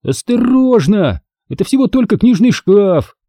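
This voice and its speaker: A man's voice: high-pitched, sing-song, a little slow, warm tone, dry recording, clean studio sound, pitched above the performer's own voice, heavily acted. Man doing an exasperated 12-year-old boy. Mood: alarmed. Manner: impatient, scolding outbursts.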